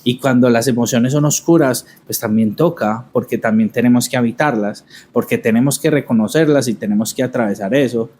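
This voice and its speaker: A man in a reflective conversation, speaking at an ordinary middle pitch. He talks thoughtfully and haltingly, restarting phrases and circling back to his words before he goes on. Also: a little mellow. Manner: thoughtful, halting, repeats words while searching. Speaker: podcast host.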